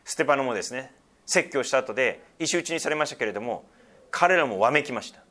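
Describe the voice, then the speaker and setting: A man's voice: mid-range voice, animated, fast, pushed and bright. A middle-aged male pastor giving a sermon, explaining scripture with frequent asides and a conversational, teaching tone.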